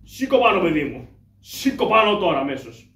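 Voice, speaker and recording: Man putting on a prim older gentleman, scolding, shadow-puppet stage, roomy echo. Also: high-pitched, sing-song. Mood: fussy. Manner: prim, scolding, calls others "my child". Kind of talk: live shadow puppet theatre. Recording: echoey distant stage mic, faint ambience.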